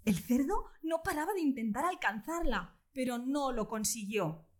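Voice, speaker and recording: A woman telling a children's story aloud in an expressive, animated way. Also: sits high, moderate pace, echoey room.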